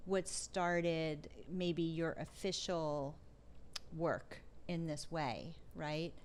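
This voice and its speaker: Slow, low-voiced woman host. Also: fairly even intonation, a little hiss or hum. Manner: gentle, prompting questions with fillers. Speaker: podcast host. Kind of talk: interviewing a guest.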